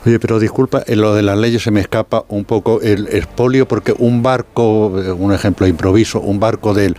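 Lowish male co-host, interrupts with faltering questions. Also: steady tone, moderate pace, warm tone, slight background noise. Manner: hesitant, jumping in with questions. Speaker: radio co-host.

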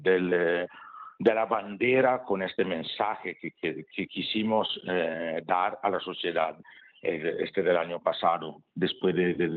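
Halting Italian-accented man on a phone-like line. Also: deep voice. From Italy, Bergamo area. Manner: hesitant, halting, searching for words. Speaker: member of an amateur football club, interview guest. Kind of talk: interview answers in a non-native language. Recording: tinny narrow phone-like line.

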